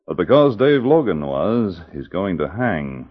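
An actor playing a firm, upright police sergeant, authoritative and earnest, in an old-time radio drama. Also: male voice, deep voice, big pitch swings, a little slow. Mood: earnest, kindly. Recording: muffled, noisy vintage radio recording.

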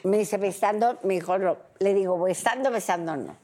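Her pitch is medium, her pace moderate, and her tone mellow. This brash middle-aged panel guest, who has a Mexican accent, chats casually and spins stories, performing the dialogue herself.

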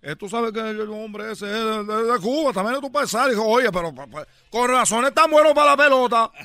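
A man voicing a boastful Cuban baseball player with a Cuban accent in a comedic radio bit, loud and rambling, repeating himself. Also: very high-pitched, expressive, a little fast, no echo, heavily acted. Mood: joking. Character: boastful Cuban ballplayer, adult man, brash joker.

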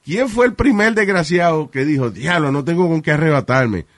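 A man hosting a comic radio talk show, switching between Spanish and English with a joking, animated delivery. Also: on the high side, moderate pace, no room sound, studio quality. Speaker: radio host.

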